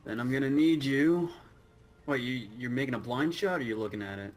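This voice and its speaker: A man's voice: mid-range voice, a little fast. Male game master, mid-range voice, refereeing and narrating a tabletop game.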